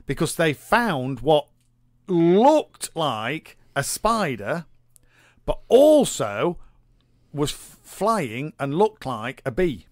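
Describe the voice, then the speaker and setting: An animated man co-hosting a casual comedy chat, his pitch rising and falling with lively swings. He tells stories with repeated words and quick giggles. The voice is slightly high and sits close on a dry studio mic. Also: dry recording. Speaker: podcast co-host. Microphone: studio microphone.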